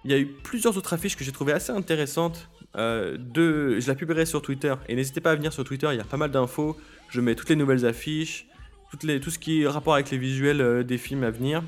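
A man's voice: medium pitch, quick pace, faint music behind. A man hosting a podcast in casual solo talk, hesitant, with many fillers and restarts. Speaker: podcast host.

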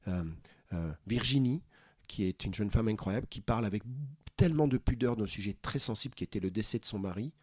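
Husky low-voiced man, heartfelt. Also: a little fast, darkish tone, no room sound, studio quality. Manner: earnest, heartfelt, hesitant restarts. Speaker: podcast host being interviewed. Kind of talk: conversational interview storytelling. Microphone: studio microphone.

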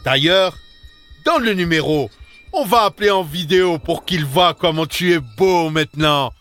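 A man's voice: a little high, animated, normal speed, a bit bright, soft background music, pitched above the performer's own voice. A man voicing a cruel, sadistic male prison guard who speaks with menace and contempt. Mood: menacing.

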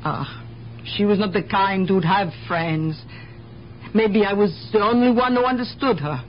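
In this dull, slightly noisy 1970s radio mystery, an actress voices a wary, blunt immigrant woman who has grown weary of life and talks in broken English. She speaks unhurriedly at medium pitch, sounding close to everyday speech, in a confiding and resigned way.

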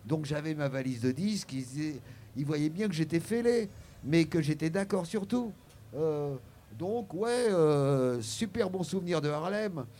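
An older man telling anecdotes as an interview guest, lively and full of fillers and hesitations. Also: fairly high pitch, measured pace. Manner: animated storyteller, many fillers.

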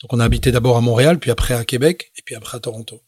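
A man's voice: medium pitch, fairly even intonation, rapid-fire, darkish tone, breathy edge, no room sound, studio quality. A middle-aged French man, a sailor and sailmaker, telling his story in a casual interview with many fillers and restarts. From France.

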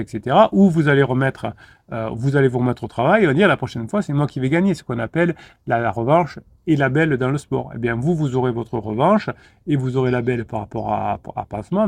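A man's voice: medium pitch, dark tone, no room sound. A man coaching in a motivational monologue, emphatic and repetitive, with frequent stammered restarts. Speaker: relationship coach.

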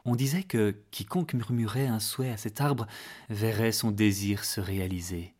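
A man narrating a fairy tale in a gentle, measured way, sometimes dropping to a hush. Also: lowish voice. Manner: gentle, measured, hushed at moments. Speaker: storyteller.

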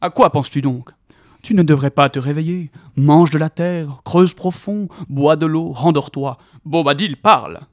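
A man voicing a jolly, boisterous old forest dweller who talks in a hearty, booming, sing-song way. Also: normal speed, darkish tone, no echo, studio quality, lightly acted. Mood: jovial booming.

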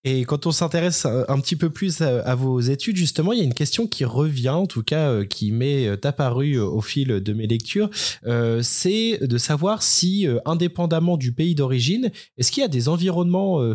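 A man's voice: a little high, expressive, normal speed, darkish tone. A man interviewing a researcher, asking long questions with many hesitations.

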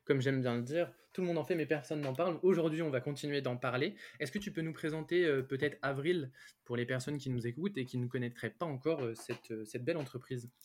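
A man hosting a podcast interview, asking questions in a casual, upbeat way with quick friendly reactions. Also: medium pitch. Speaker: podcast host.

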